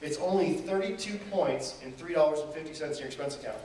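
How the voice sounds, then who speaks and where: A man's voice: a little high, quick pace, darkish tone. A man giving a live seminar talk, telling stories and asking the audience rhetorical questions with lots of energy. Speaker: motivational speaker. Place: event hall. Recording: echoey room from far off, faint noise.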